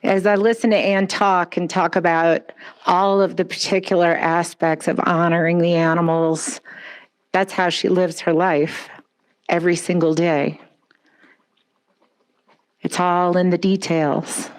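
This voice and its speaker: A woman speaks at an outdoor pet memorial in a slow, unhurried way. Her tone is gentle and consoling, with soft pauses as she addresses the mourners. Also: lowish voice, little pitch movement.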